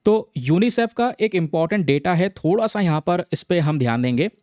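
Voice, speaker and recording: This man's voice sits high and sounds expressive, moving at a normal speed with a darkish tone in a dry, studio-quality recording. He's walking exam students through a newspaper article in a chatty way, calling viewers friends and checking in with them often. He keeps saying "theek hai" and slips English terms into his Hindi.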